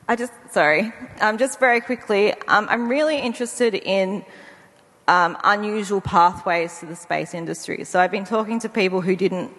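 A woman's voice: medium pitch, normal speed, fairly bright tone. Eager chatty woman in a reverberant hall. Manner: eager, chatty, laughs often. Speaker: panelist. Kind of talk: panel discussion. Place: conference hall.

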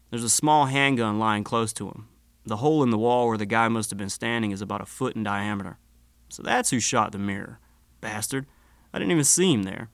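A man's voice: lowish voice, a bit bright, no room sound. A man narrating a first-person story in a laid-back, wry and profane way.

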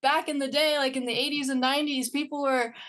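A woman's voice: high-pitched, level tone, fast talker, a bit bright. A teenage girl from Alaska, a sled dog racer, talking as a podcast guest in a friendly way and laughing easily. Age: teens. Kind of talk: podcast interview.

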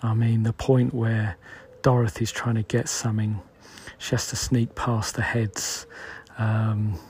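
A man's voice: on the low side, level tone, a little slow, darkish tone. A British man in his forties, host of a solo podcast, musing aloud in a loose, rambling way.

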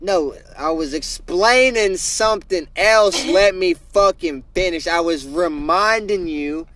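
A man's voice: high voice, takes it slowly, fairly bright tone, slight background noise. Rambling, coughing young man. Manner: rambling, loses his train of thought, swears a lot. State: intoxicated, coughing. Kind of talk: casual chat among friends.

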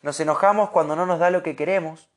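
A man's voice: on the high side, quick pace. Earnest Rioplatense man preaching. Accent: Rioplatense Spanish. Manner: earnest, animated, with frequent word restarts. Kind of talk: devotional sermon.

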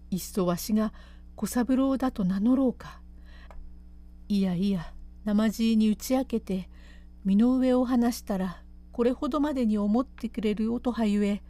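A woman's voice: a little high, warm tone, natural voice. A woman voicing a young blind man, a fallen flute player, thinking aloud in a troubled, brooding inner monologue.

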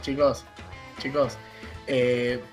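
A man's voice: mid-range voice, flat delivery, very slow, soft background music. A man on a live radio show, delivering mock-official vote updates. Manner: mock-official, reporting from the count. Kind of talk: comic banter on live radio.

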